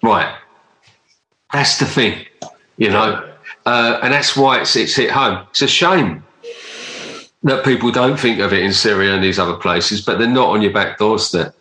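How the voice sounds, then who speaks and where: A man's voice: lowish voice, a little slow, pauses often, pushed and bright. A man hosting a casual interview, talking in an earnest, rambling way and repeating himself as he goes. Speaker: podcast host. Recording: roomy echo.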